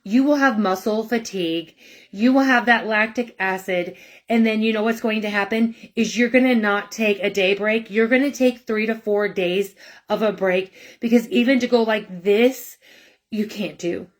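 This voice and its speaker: A woman's voice: mid-range voice, normal speed. A middle-aged woman, a nurse and wellness coach, giving casual health advice in a chatty way, often checking in with "okay?" and "right?".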